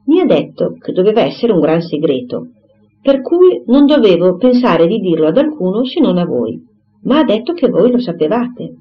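A reader voicing an eager, excitable young woman friend who exclaims breathlessly in an audiobook. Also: mid-range voice, moderate pace, close to an everyday voice. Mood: excited. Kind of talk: audiobook character reading. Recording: slightly dull recording, faint hiss.

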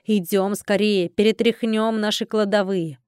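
A woman voicing a carefree, sloppy innkeeper woman in an audiobook, in a brash, lowered, gruff manner. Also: fairly even intonation, measured pace, a little mellow, no room sound, clean studio sound, natural voice. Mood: grumbling.

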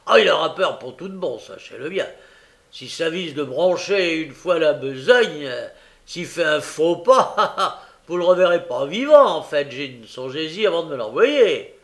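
A man's voice: a little high, lively intonation, a little slow, vocal fry, a bit bright, voice pushed up, full character voice. A male audiobook reader playing a brutal, threatening adult burglar who blusters and menaces. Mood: menacing. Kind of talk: audiobook character reading.

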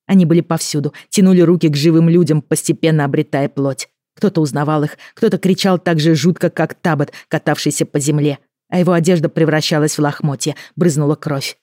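A woman narrates a fantasy audiobook in the first person, reading with expression at a middle pitch. The recording is dry and close, with no room sound. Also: fairly even intonation, brisk, dark tone, no room sound.

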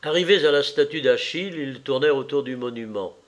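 A man reading a classic novel aloud as an audiobook narrator, measured and deliberate. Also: medium pitch. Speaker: audiobook reader. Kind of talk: slow literary narration.

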